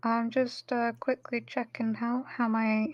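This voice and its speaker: A woman's voice: on the high side, flat delivery, unhurried, no room sound. A woman playing a tabletop game, casual and playful, explaining her spells to the table. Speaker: player. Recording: dull, dry voice-call mic.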